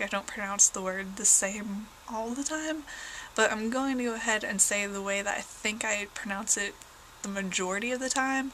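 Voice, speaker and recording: Rambling through a casual chat at home, a young vlogger from southern Indiana speaks with that area's accent and a slightly congested sound. Her medium-pitched voice comes across pushed and bright, with many fillers and self-corrections, on a low-quality recording carrying a little hiss or hum.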